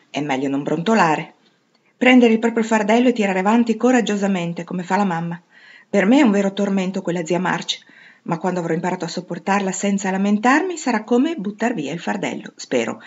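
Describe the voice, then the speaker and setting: A woman's voice: medium pitch, lively intonation, brisk, darkish tone, dull audio. A woman voicing a spirited, blunt teenage girl in a read-aloud novel. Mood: resolute. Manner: brash, outspoken.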